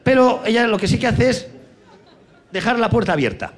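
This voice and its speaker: A man from Spain doing a crude stand-up comedy monologue on stage, with brash punchlines and sudden shouted sound effects. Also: very high-pitched, lively intonation, normal speed, a faint crowd.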